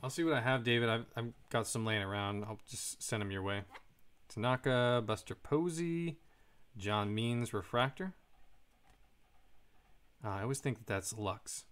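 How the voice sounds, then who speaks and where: A man's voice: medium pitch, measured pace, long pauses, a bit bright. A man hosting a casual live card break, reading out card names and chatting with viewers.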